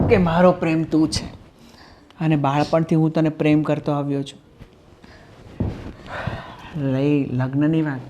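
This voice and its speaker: A man's voice: fairly high pitch, a little mellow, a little hiss or hum, lightly acted. An actor playing a young husband who consoles his crying wife and reassures her in a family drama. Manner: soothing, reassuring, earnest.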